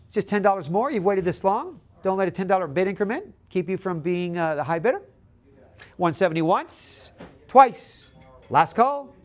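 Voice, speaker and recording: Man, auctioneer, high-pitched, live auction calling, repetitive bid chant. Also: expressive, fast talker, hardly any pauses, a little mellow. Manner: auctioneer's patter, repeating bids and calls for the next.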